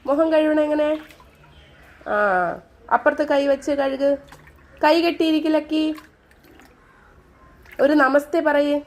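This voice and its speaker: A woman's voice: high-pitched, little pitch movement, takes it slowly, long pauses, darkish tone. A mother in a home vlog, coaxing her small child with playful sing-song baby talk and questions.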